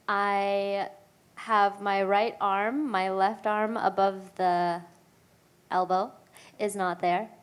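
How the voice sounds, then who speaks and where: Slow, nervous woman dancer from China. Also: mid-range voice, little pitch movement, smooth. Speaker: dancer, panelist.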